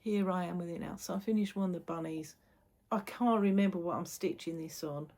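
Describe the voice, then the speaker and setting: A woman's voice: lowish voice, fairly quick, warm tone. A woman with a British accent chatting casually as a vlog host, often repeating phrases for emphasis. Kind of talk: casual chat.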